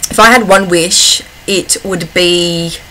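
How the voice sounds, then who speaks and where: A woman's voice: lowish voice, steady tone, slow pace, bright, forceful tone, a little hiss or hum, rough recording. An Australian woman chatting casually as she answers personal questions in a vlog, often breaking off and restarting in a giggly, informal way. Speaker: vlogger.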